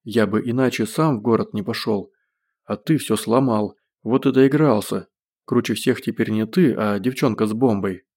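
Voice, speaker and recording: Male narrator as a sly captive, soft and plaintive, slightly lifted above his low voice. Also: normal speed, breathy edge. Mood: wheedling. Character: scheming captive man, wheedling and self-pitying.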